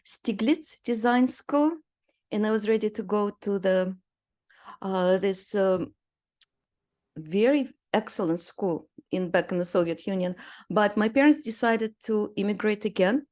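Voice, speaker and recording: Going a little slowly, this woman in her sixties from Romania speaks in a darkish, middle-range voice. As a guest artist in a conversational interview, she tells stories laced with fillers and brief laughs.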